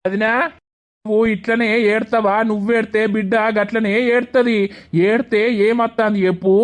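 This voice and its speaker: A man's voice: high-pitched, natural voice. A man voicing a firm Telangana village uncle. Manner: firm, reassuring. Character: protective village uncle, middle-aged, firm.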